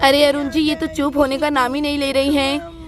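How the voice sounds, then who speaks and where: A cheerful young bride in a homemade doll story, voiced by a woman. The voice is high and sweet, and she talks in a reassuring way. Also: level tone, moderate pace, lightly acted. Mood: soothing.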